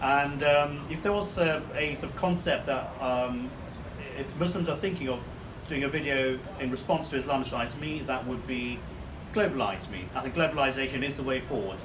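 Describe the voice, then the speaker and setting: A man's voice: mid-range voice, moderate pace, distant mic, noisy background. A man from Bangladesh, talking to camera outdoors in a city in a rambling monologue full of fillers. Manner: rambling, hesitant, with many fillers. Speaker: vlogger giving commentary.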